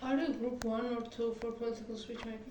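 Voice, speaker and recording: A woman's voice: a little high, steady tone, fast talker. Questioning woman, far from the mic. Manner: asks short, pointed questions. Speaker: tabletop game player. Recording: echoey room, distant mic, noisy.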